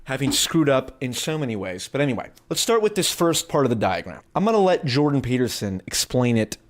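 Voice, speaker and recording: A man's voice: medium pitch, very animated, a little fast. A man delivering casual video commentary in a sarcastic, self-deprecating way. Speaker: video essayist.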